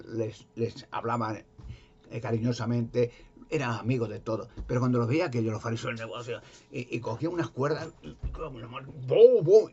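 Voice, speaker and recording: Husky man retelling Bible stories. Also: mid-range voice, muffled recording. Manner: rambling, animated storytelling with repetitions. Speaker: religious speaker.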